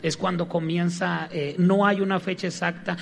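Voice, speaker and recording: A man's voice: high-pitched, little pitch movement, moderate pace, creaky. A man preaching a sermon with humor, getting the congregation to repeat his lines to each other.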